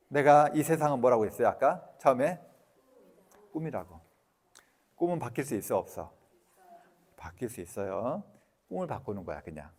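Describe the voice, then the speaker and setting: A man giving a lecture, lively and talkative, who keeps quizzing his audience with questions. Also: mid-range voice, in a large hall.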